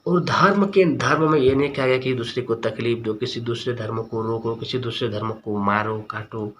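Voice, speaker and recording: A vlogger addresses his viewers in an earnest opinion monologue, speaking emphatically and repeating key words and phrases. His voice is mid-range and fairly bright, his speed normal, with a little background noise present.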